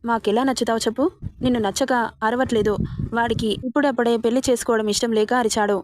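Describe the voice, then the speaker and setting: A woman voicing a warm-hearted middle-aged mother-in-law who coaxes and reassures the young bride in a storybook reading. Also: fairly high pitch, steady tone, fast talker, no room sound, close to an everyday voice. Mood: reassuring. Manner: coaxing and reassuring.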